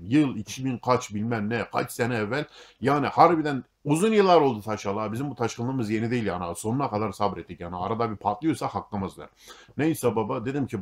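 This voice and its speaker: A middle-aged man rattles off a casual storytelling monologue at high speed in a lowish voice. He is blunt and curses freely. His tone stays grumbling and fatalistic. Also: a little mellow. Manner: blunt and heavy on profanity. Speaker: YouTube monologue host.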